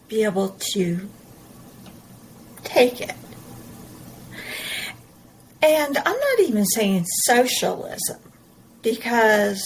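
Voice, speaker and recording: A middle-aged woman podcast host delivers a personal monologue earnestly and emphatically, often repeating her words. Her voice is fairly high and creaky, on a low-quality recording with slight background noise.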